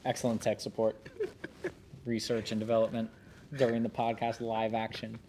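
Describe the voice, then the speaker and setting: A man's voice: fairly low pitch, moderate pace, a little hiss or hum. A man hosting a podcast, reading a memoir aloud and then chatting casually with restarts and fillers. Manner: relaxed, rambling, with frequent fillers and restarts. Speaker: podcast host.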